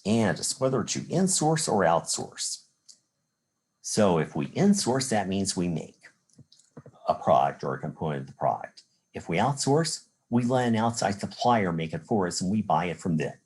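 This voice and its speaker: In this recorded college lecture, a Chicago-area instructor with an American accent speaks in a low, sing-song voice at normal speed, sounding a little mellow and slightly rough. He explains examples one step at a time, methodically, peppering his explanations with rhetorical "well" and "again."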